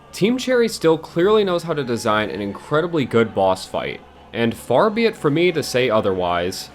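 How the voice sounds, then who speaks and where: A man giving a scripted, blunt and exasperated game critique as a video essayist, swearing now and then. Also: medium pitch.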